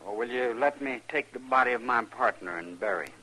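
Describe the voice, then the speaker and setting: An actor playing a wary gunfighter in a 1950s radio western, with a pleading, persuasive delivery. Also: male voice, medium pitch, a little fast, sharp tone, rough recording. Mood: defensive. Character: smooth-talking male gunfighter, defensive and wary. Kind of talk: 1950s radio drama acting.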